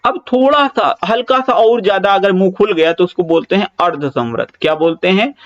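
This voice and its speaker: In an exam-prep Hindi grammar lecture, a man with a high-pitched, animated voice speaks at a moderate pace, and the audio's high frequencies are missing. He explains patiently, repeats the key ideas, and draws out vowel sounds as examples, adding casual reassuring asides.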